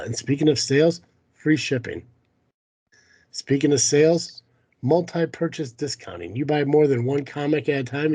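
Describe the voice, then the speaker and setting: Sick with a cold and a runny nose, a man hosts a casual podcast, opening with an ad read before chatting in a grumbling, self-deprecating, foul-mouthed way. His voice is medium-pitched, a little mellow, and husky, with no room sound.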